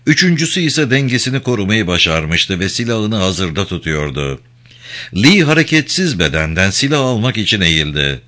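A man narrating an audiobook with a dramatic, expressive reading. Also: fairly low pitch, moderate pace. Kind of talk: scripted narration.

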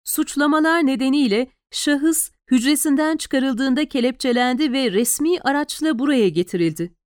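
A woman's voice: high voice, lively intonation, normal speed, smooth, dry recording, studio quality, voice pushed up. A woman reading an audiobook, voicing a nervous young male police officer who explains himself anxiously and deferentially to his superior.

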